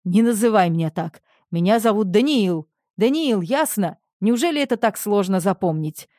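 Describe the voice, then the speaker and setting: A man's voice: lively intonation, a little slow, a little mellow, no echo, clean studio sound. A woman voicing a hysterical, pompous middle-aged male producer who rants shrilly. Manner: shrill, panicky, ranting.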